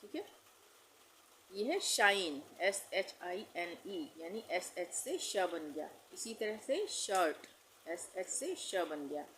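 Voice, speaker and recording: Slow, patient woman teaching pronunciation. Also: on the low side, sing-song, fairly bright tone, slight background noise, poor audio. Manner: patient, repeats and spells out words letter by letter. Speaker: language teacher. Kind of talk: Hindi pronunciation lesson.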